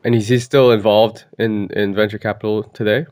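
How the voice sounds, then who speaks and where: A man's voice: fairly low pitch, little pitch movement, a little fast, a little mellow. Man hosting a business podcast. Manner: hesitant, restarts words when ad-libbing. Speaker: podcast host.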